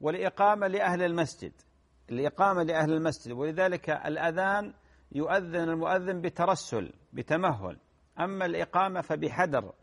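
A man answering listeners' religious questions in a measured lecturing manner, often repeating key phrases and clearing his throat. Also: a little high, lively intonation. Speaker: Islamic scholar answering questions.

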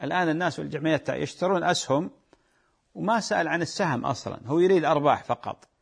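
A man's voice: on the high side, very fast, creaky, slightly rough. A man with a Gulf Arabic accent, an Islamic scholar answering callers' religious questions in a patient, explanatory way that repeats key points. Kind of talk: religious call-in Q&A.

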